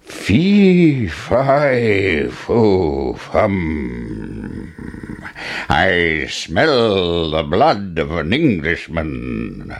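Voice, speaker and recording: A man voicing a wicked, hungry giant from a fairy tale, with slow, drawn-out, bellowed speech. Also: wildly swooping pitch, gravelly, full character voice. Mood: menacing, hungry. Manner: slow, drawn-out, booming commands.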